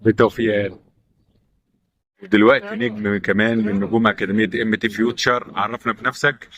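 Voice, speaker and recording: A man's voice: on the low side, flat delivery, fast talker, fairly bright tone, muffled recording. A man with an Egyptian accent interviewing young players, firing short questions and repeating their answers back. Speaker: interviewer at a youth football academy. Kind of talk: rapid-fire question interview.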